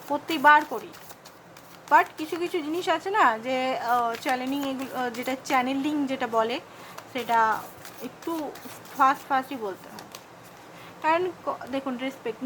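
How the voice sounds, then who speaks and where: A woman with a Bengali accent giving a fast, repetitive tarot reading and advice, mixing in English words. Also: sits high, a bit bright, a little hiss or hum, rough recording. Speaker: tarot card reader.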